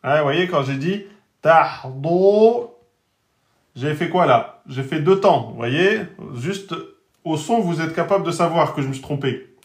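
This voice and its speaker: A man teaching Arabic letters in a live online lesson, spelling out each letter and vowel and repeating every word slowly. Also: fairly high pitch, expressive, reverberant. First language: French speaker teaching Arabic.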